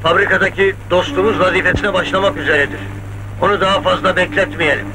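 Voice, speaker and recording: An actor playing a cautious middle-aged crook in a 1970s film drama, instructing in a businesslike way. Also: male voice, sits high, steady tone, fast, natural voice. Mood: cautioning. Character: cautious middle-aged male crook planning a safe robbery. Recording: noisy old film soundtrack.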